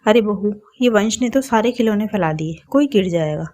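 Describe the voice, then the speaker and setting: Brief: a doting, quick-tempered grandmother over 60 in a storybook tale, voiced by a woman, fond scolding tone, normal pitch. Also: lively intonation, a little mellow, close to an everyday voice. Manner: scolding, exclaiming "अरे बहू".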